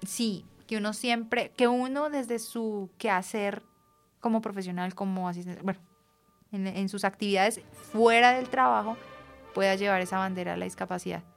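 A woman co-hosting a casual radio chat, explaining things in a relaxed conversational way. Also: mid-range voice, moderate pace, vocal fry, soft background music. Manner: conversational, explains with gentle laughs. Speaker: radio co-host from an institute for the blind.

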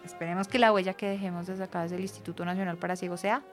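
A woman co-hosting a casual radio chat, explaining things in a relaxed conversational way. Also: fairly low pitch, very fast, soft background music. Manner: conversational, explains with gentle laughs. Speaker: radio co-host from an institute for the blind.

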